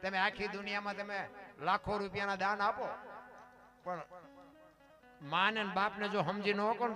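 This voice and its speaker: High-voiced Kathiawadi folk preacher man. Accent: Kathiawadi Gujarati. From Gujarat, India. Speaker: folk dayro speaker. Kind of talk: dayro moral talk to a seated audience. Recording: live talk over clear instrumental music. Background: instrumental music playing under the talk.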